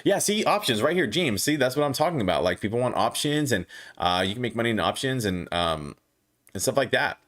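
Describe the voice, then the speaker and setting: Reading out viewer comments and responding on his casual stock livestream, a young man speaks haltingly, full of restarts and filler words. His medium-pitched voice is sing-song and a touch bright, yet it's turning hoarse as he loses it and keeps clearing his throat.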